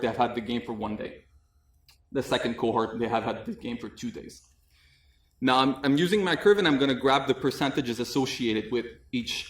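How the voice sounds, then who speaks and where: Speaking to an audience in an indoor conference room, a young man delivers a technical talk casually, with light humor and plenty of "uh"s. A desk mic placed a bit away picks up his mid-pitched voice. The room sounds noticeably echoey.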